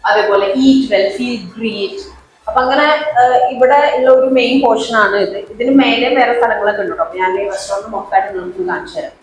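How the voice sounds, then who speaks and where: A woman with a Malayali accent chatting casually as a food vlogger, mixing English words and phrases into Malayalam in an animated way. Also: fairly high pitch, fast talker, a little hiss or hum. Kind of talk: casual food vlog chat. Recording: roomy echo, faint music behind.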